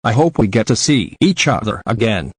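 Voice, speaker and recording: Man reading a deadpan young female spy. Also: on the low side, moderate pace, breathy edge, no echo.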